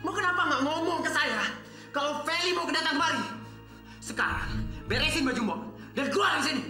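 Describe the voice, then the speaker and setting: A man's voice: very high voice, fairly quick, heavy reverb, over music. An actor playing a young, defensive womanizing businessman who pleads and orders people about. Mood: angry. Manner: pleading, then commanding.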